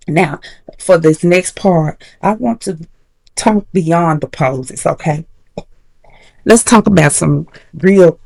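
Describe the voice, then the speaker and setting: A woman teaching confidence habits in a casual, encouraging way, slowing down to stress key points. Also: lowish voice, creaky, darkish tone. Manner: casual, encouraging, slows down for emphasis. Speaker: confidence coach. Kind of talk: motivational tutorial.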